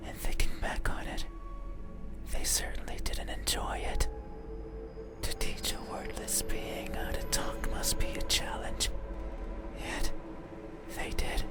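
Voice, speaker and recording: A performer voicing a lonely, eerie demon that yearns to be seen, in a halting, earnest whispered role-play. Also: lightly acted. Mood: brooding, longing. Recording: whisper over loud music.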